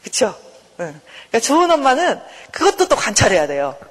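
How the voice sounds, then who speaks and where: Husky lively woman lecturing in a hall. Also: a little high, brisk. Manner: lively, acts out inner dialogue in quotes. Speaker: professor.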